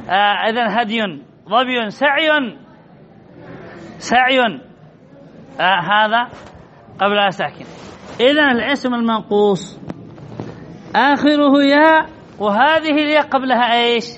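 A man with a strikingly high voice leads a grammar lesson. He quizzes his listeners and answers his own questions, repeating the key words. The recording sounds muffled and lo-fi, with a faint hiss behind him. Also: measured pace, pauses often, fairly bright tone. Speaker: grammar teacher. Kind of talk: classroom lesson on Arabic grammar. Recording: dull lo-fi recording with faint noise.

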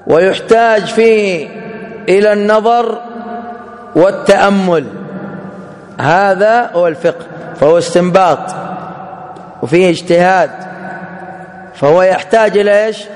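A man teaching a religious lesson in a measured, explanatory way, spelling out each point with care. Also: high-pitched, darkish tone, long reverb tail. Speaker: Islamic teacher.

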